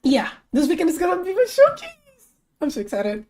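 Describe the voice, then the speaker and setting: A young streamer and artist chats casually on a live stream as she works, thinking aloud at a normal speed. Her fairly high voice sounds mellow and a bit lower than usual today, though she occasionally bursts into high, excited greetings.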